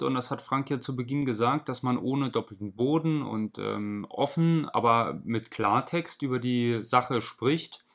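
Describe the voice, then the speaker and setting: A man in his thirties at home indoors, giving a measured, explanatory reaction commentary on a video. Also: mid-range voice.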